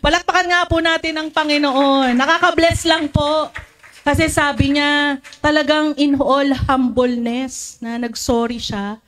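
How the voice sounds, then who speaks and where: Woman preaching in church, animated storyteller, fairly high voice. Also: measured pace, a little hiss or hum. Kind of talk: sermon.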